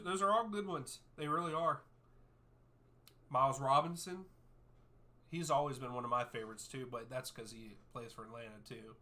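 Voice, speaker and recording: Bright-voiced male streamer answering chat. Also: medium pitch. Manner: easygoing, reads out chat names and answers at length. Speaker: streamer hosting a soccer watchalong. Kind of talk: live-stream chat, answering viewer questions.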